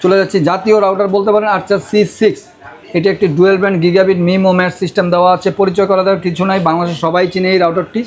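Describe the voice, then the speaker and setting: A Bangladeshi man pushes router deals in a hard-sell pitch, his high voice showing little pitch movement. He rattles along quickly as the presenter, insistently repeating prices and offers.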